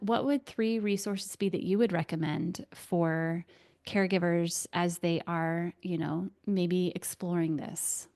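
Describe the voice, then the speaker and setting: Woman podcast host, slightly low voice; relaxed, affirming interviewer who laughs along. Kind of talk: casual interview chat.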